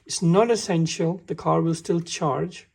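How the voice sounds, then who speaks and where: A man walking through a car repair in a halting, casual way, often stumbling and restarting his sentences. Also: on the high side, steady tone, creaky, a little mellow, slightly rough. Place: workshop with a work table.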